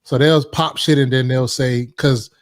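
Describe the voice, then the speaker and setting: A man's voice: mid-range voice, fairly even intonation, a little slow, dry recording, studio quality. A man co-hosting a casual sports talk show, talking bluntly and swearing freely. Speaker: podcast co-host.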